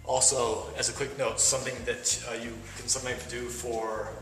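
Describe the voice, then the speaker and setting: A man demonstrating wall repair techniques step by step, explaining in a relaxed way with frequent fillers. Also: mid-range voice, moderate pace, creaky. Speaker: plaster instructor. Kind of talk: instructional demonstration. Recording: roomy echo, voice from a distance, faint music.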